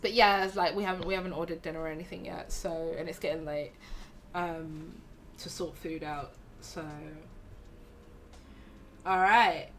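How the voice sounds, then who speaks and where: A woman's voice: fairly low pitch, steady tone, normal speed, long pauses, a little hiss or hum. A woman hosting a casual stream, chatty, teasing and affectionate, laughing often. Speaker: streamer host.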